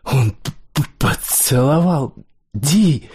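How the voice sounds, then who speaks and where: A man's voice: medium pitch, unhurried, darkish tone, slight background noise, pitched above the performer's own voice, lightly acted. A man reading an audiobook and voicing a distraught young man who stutters and chokes up. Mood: tearful. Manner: stutters, voice breaking into sobs.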